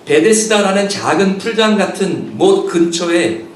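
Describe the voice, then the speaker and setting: A man with a high voice preaches a Sunday sermon, his earnest delivery shifting as he voices the questions he quotes. The sound is roomy and taken from some distance, with the echo of a church sanctuary and a faint hum of ambience behind him. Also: animated, unhurried. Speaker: pastor. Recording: echoey church hall picked up from a distance.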